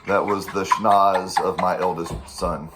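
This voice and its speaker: A man's voice: deep voice, steady tone, measured pace, very noisy. A man co-hosting a faith-based chat, talking earnestly in a rambling way, with restarts and chuckles. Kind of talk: casual chat, preaching.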